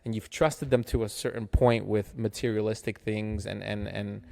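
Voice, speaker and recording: A man's voice: lowish voice, steady tone, moderate pace, gravelly, dark tone. A man in casual podcast chat who talks reflectively, offering advice and often restarting his sentences. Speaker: podcast co-host.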